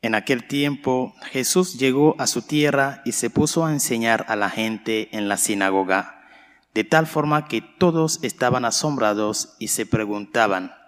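Priest in a cathedral echo. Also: male voice, mid-range voice, fairly bright tone. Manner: slow, measured, solemn delivery. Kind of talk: reading the gospel and preaching a homily at Mass. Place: large church. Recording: long church reverb.

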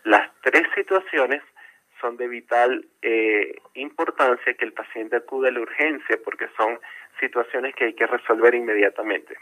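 A man, a doctor, patiently explaining things on a radio interview and repeating points to make them clear. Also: mid-range voice, unhurried, sharp tone, low-quality recording. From not from Chile. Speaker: medical doctor guest.

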